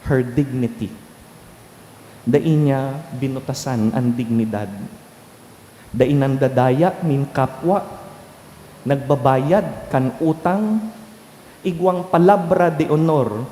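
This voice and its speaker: Slow, mellow-voiced priest in an echoey church. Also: male voice, medium pitch, slight background noise. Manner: slow, unhurried homily mixing Bikol and English. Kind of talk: sermon. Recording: echoey church with long reverb.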